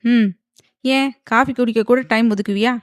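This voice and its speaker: A man's voice: sits high, moderate pace, clear, resonant tone, no room sound, natural voice. Woman doing a wry, teasing husband in an audio romance, offhand, dry close recording. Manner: mocking, offhand.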